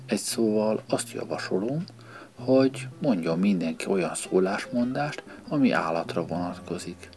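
A man voicing a calm, fatherly mole in a storybook reading, hemming and thoughtful. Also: low-pitched, gravelly.

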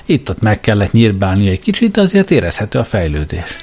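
A calm, worldly space traveller, as a male reader puts him on, talking in a low, mellow and matter-of-fact way. His tone stays dry and unbothered. Faint music sits under the storybook reading. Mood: offhand. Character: unflappable worldly space traveller, adult man.

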